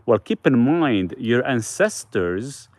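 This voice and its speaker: A man's voice: medium pitch, big pitch swings, slow pace, no echo. A man hosting a casual live stream, answering viewers' questions in a loose, rambling way with frequent restarts.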